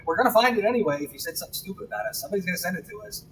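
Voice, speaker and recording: A man's voice: sits high, animated, very fast, a bit bright, a little hiss or hum, poor audio. A man co-hosting a podcast in casual chat, ranting with lots of swearing. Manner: profane, heated ranting. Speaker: podcast co-host.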